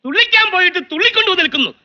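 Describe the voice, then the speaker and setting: A man's voice: very high-pitched, lively intonation, very fast. An actor playing a blustering village police inspector who scolds his nephew, on a dull old film soundtrack. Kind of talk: 1990s film comedy acting.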